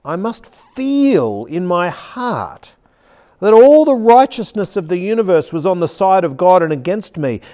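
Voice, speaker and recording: Animated man teaching about preaching. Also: high voice. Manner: reads with strong emphasis, slowing on key words. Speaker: preaching instructor. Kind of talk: teaching talk with a dramatic read-aloud. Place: seated at a chair.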